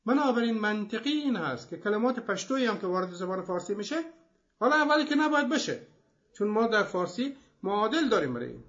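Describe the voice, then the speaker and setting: A high-voiced man gives a methodical, explanatory lecture as host of a language programme. He works through his points one example at a time. The recording sounds dull and lo-fi. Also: very animated, fairly bright tone.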